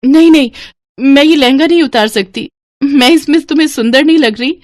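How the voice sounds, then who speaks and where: A woman voicing a young witch disguised as a frightened bride in an animated story, with tearful, coaxing pleas. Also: high voice, a little fast, dry recording, voice pushed up, natural voice.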